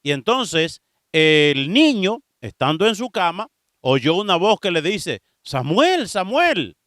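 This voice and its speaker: Lively priest preaching. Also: male voice, on the high side, takes it slowly, no echo, studio quality. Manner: preaching with lively storytelling, acting out dialogue; addresses listeners directly. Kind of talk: sermon.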